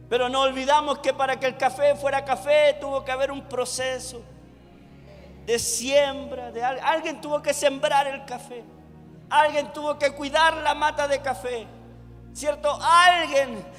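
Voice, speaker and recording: A middle-aged man with a Chilean accent preaching a sermon to his congregation, rising to shouts. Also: very high-pitched, in a large hall. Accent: Chilean Spanish. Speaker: pastor. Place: church hall.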